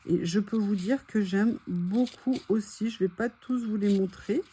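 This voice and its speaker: A woman's voice: mid-range voice, a little slow, mellow, breathy edge. A French woman chatting enthusiastically through a stationery haul, gushing over each item and repeating her praise. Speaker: haul vlogger. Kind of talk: casual haul chat, reading quotes aloud.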